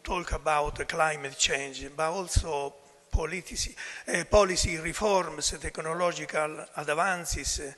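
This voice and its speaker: An older man with a weak, low-volume voice gives an academic presentation in halting English. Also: steady tone, bright, forceful tone, soft background music. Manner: halting delivery in non-native English. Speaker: conference speaker, professor. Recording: hall reverb.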